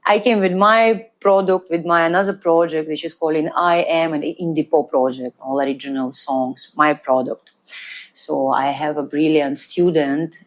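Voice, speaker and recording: A woman from Ukraine with a Ukrainian accent, speaking animated, broken English as a guest in a studio interview. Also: low voice, moderate pace. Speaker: guest musician and DJ. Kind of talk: casual interview.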